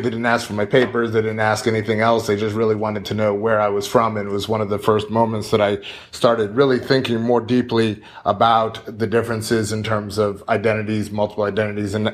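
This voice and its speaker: A man from the United States, a panel guest telling an anecdote in an even, conversational way. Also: fairly low pitch. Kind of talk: panel discussion.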